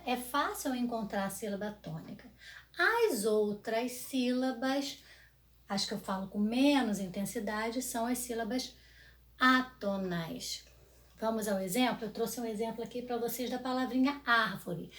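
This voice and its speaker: A young Brazilian woman teaching an online grammar lesson to children, drawing words out slowly and checking in with "né?" and "tá?". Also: a little high. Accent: Brazilian Portuguese. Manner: slow, stretched words for emphasis, frequent "né?" and "tá?". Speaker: primary school teacher.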